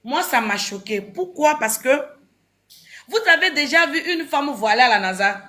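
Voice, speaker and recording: A woman's voice: high voice, lively intonation, moderate pace, bright, forceful tone. A woman from Ivory Coast giving a heated, insistent opinion on a talk show, repeating her phrases.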